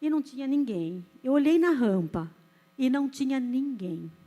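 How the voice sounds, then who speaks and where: Woman, 50s, Brazilian Portuguese accent, pastor, high-pitched, earnest emotional testimony, sermon. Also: expressive, moderate pace, mellow, faint music behind. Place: church.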